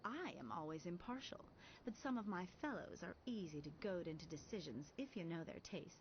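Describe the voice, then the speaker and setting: A woman's voice: lowish voice, animated, a little fast, lightly acted. A woman plays a stern scholar judge in a video game, formal and scornful of outsiders. Her voice rises and falls widely, over dull lo-fi audio with faint hiss. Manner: formal, cold, dismissive.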